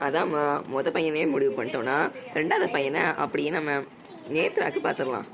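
A woman voicing a calm, matter-of-fact middle-aged father in a cartoon, explaining family marriage plans. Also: low-pitched, a little fast, creaky, background noise, pitched below the performer's own voice. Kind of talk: cartoon voice acting.

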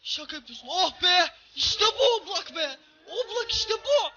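A man commentating his own football video game match, shouting, groaning and swearing at the game. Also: very high-pitched, expressive, moderate pace, dull audio, noisy background. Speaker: gaming video host.

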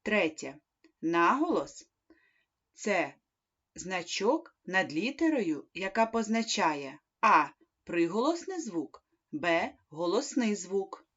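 Husky woman reading a lesson. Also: medium pitch, sing-song, a bit bright. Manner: slow, clear instructional reading. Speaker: primary school teacher. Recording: dull lo-fi recording.

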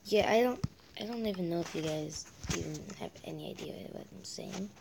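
A man's voice: high-pitched, brisk, gravelly, very noisy. A male gameplay vlogger chatting casually while he builds, often muttering and half-whispering as he counts blocks under his breath, with rambling asides.

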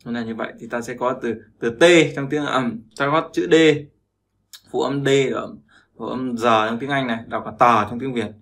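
Male language teacher, mid pitch, repeats himself, keeps checking in with listeners. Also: steady tone, normal speed, creaky, a bit bright. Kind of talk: explaining pronunciation lesson.

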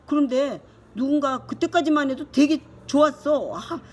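An older woman, a grandmother, reading a picture book to her grandchild, lively and chatty with little asides. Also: high voice, moderate pace, a little hiss or hum. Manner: animated, shifting into character voices and asides.

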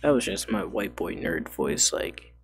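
A man's voice: low voice, big pitch swings, unhurried, creaky. A man streaming live, reacting with loose, profane asides and commentary.

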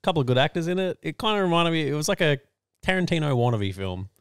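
A man's voice: fairly high pitch, lively intonation, fast, clean tone, no echo, clean studio sound. A man co-hosting a podcast in casual banter, rambling with fillers and laughing often. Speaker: podcast co-host.

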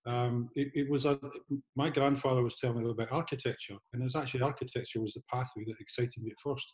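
A Scottish man in his fifties, an artist giving a casual talk over a video call from a large studio, speaking haltingly with many restarts. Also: mid-range voice, steady tone, a little mellow, low-quality recording. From Scotland. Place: large converted church studio, indoors. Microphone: laptop camera, video call.

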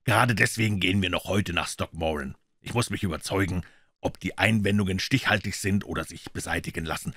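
A man reading as a calm, deep-voiced detective. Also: brisk, dry recording, clean studio sound. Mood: reasoning. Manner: calm, polite and unflappable. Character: calm, sharp-witted male detective.

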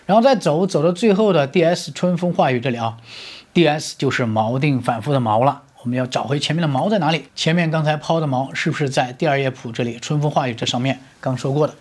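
A man's voice: mid-range voice, quick pace, slightly rough. A man giving an electric guitar lesson, explaining step by step with everyday comparisons and often checking "right?" with the learner. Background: guitar playing.

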